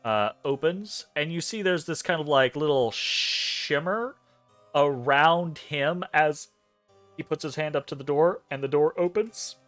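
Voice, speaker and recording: A man's voice: fairly high pitch, unhurried, fairly bright tone, faint music behind. A man narrating a tabletop game as game master, in a loose style full of fillers.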